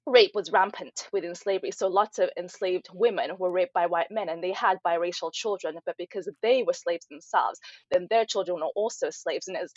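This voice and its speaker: A woman from Nigeria, a podcast guest, explaining history in an earnest, measured way. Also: mid-range voice, no echo, lo-fi sound. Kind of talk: conversational podcast interview.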